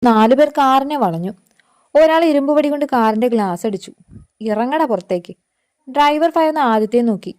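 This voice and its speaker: A woman narrating a scripted family drama in a steady, measured read-aloud manner. Her voice sits high with a soft, mellow tone, never sharp.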